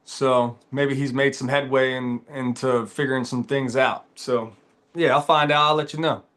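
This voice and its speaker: A man hosting a casual conversation, relaxed and laid-back, often saying "man" and "dude". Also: medium pitch, moderate pace. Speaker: podcast host.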